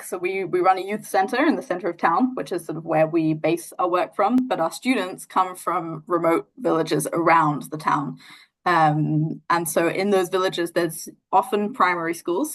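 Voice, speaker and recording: Thoughtful New Zealand woman, low voice. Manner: thoughtful, many fillers and restarts. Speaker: NGO founder, interview guest. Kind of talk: casual interview talk.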